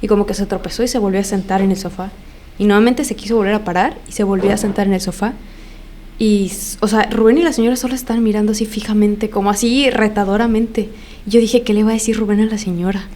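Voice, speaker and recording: A young woman tells a story in a relaxed podcast chat. She keeps slipping into the lines people said and repeats phrases for effect. Her voice is mellow and mid-pitched, with a faint hiss in the background. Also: fast talker. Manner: retells events with many quoted lines, repeats phrases. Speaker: podcast host telling a personal story.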